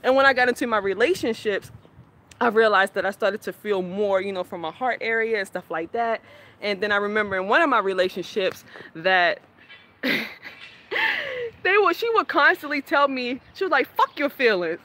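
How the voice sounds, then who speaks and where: Candid young woman talking, bright voice. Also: medium pitch, lively intonation, moderate pace. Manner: candid, rambling, laughs often. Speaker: vlogger. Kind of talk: casual personal vlog.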